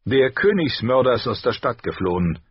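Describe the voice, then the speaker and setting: A man voicing a brisk guard captain giving a dutiful report. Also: medium pitch, very animated, husky, dry recording, dull audio, voice pushed up.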